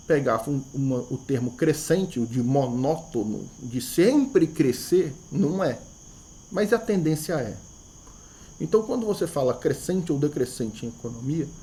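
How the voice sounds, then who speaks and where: A man's voice: fairly high pitch, warm tone, a little hiss or hum. A man teaching a math lesson, thinking aloud, repeating key words and asking himself rhetorical questions, with a Brazilian Portuguese accent. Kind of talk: explanatory video lesson.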